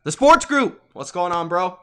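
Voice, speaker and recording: A young man hosting a live play-by-play reaction stream, chatty and excitable, greeting viewers by name as he calls the plays. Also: high-pitched, moderate pace.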